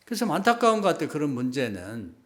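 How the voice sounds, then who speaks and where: A middle-aged man preaching a sermon as pastor, in a conversational style that rises to loud emphatic peaks and drops to quiet asides. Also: wildly swooping pitch, fast talker. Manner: conversational preaching, acts out quoted remarks in a low hushed voice.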